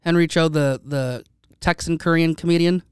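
Chatty podcast host, smooth dry voice. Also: male voice, on the high side, fairly even intonation, normal speed, no room sound. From United States. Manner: rambling, with many restarts and fillers. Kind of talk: casual chat. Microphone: studio microphone.

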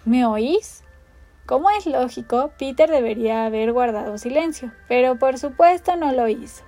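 A woman narrating a storybook with an expressive, theatrical delivery. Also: high-pitched, normal speed, soft background music.

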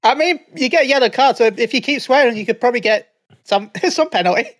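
Woman co-host, slightly high, dry close sound, wry gamer banter. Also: animated, fast, no echo. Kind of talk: casual gaming chat.

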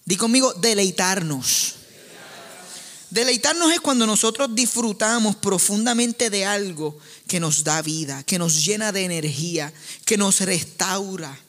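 Male pastor, sermon, high voice, animated and joking, acts out family scenes, long hall reverb. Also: measured pace.

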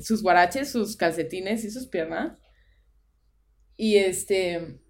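A woman's voice: medium pitch, slow. A young woman with a Mexican Spanish accent, co-hosting a podcast and telling a spooky personal story in casual chat, dropping in English phrases. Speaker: podcast co-host.

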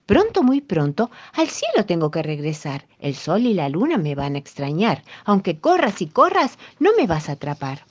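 Woman doing a little grass star man, proud, sing-song chant, lively lilt, lo-fi sound. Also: on the low side, moderate pace, few pauses.

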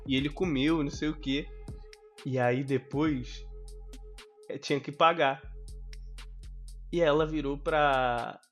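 A man's voice: a little high, steady tone, slow, pauses often, a bit bright, faint music behind. A man with a Brazilian Portuguese accent who speaks in a slightly raised voice. He chats in a loose, joking manner and tells his story casually. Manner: joking, laid-back banter. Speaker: podcast co-host. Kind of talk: casual chat, anecdote telling.

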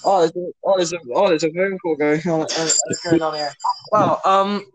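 A man's voice: a little high, steady tone, normal speed, rough recording. A man co-hosting a podcast in casual chat, joking and rambling with lots of fillers. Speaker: podcast co-host.

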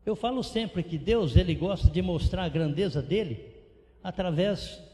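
A man preaching a missionary sermon with animated, repetitive emphasis. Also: high voice, normal speed. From São Paulo state, Brazil. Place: church sanctuary. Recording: long church reverb.

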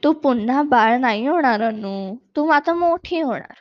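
A woman's voice: high-pitched, expressive, a little slow, dry recording. A woman doing a patient, soothing mother. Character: patient gentle mother of a small girl. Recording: dull lo-fi recording.

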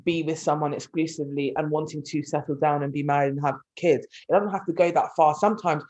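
A young woman from North London with a London accent, co-hosting a casual chat, blunt and animated, swearing freely. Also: sits low, fast, lo-fi sound. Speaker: podcast co-host.

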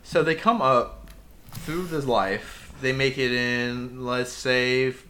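A man with a bright, forceful voice rambles through a casual podcast chat, swearing freely. He riffs and circles back on his points, loose and animated. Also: medium pitch, takes it slowly, slight background noise.

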